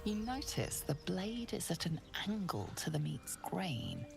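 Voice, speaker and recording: A woman voicing a calm narrator in a fantasy video game, telling the player what they notice in a measured, hushed way. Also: fairly low pitch, creaky, full character voice. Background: game music.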